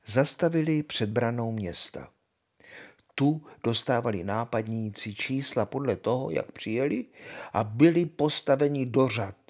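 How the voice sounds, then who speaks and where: Grandfather narrator, older man, steady storybook reading. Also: medium pitch.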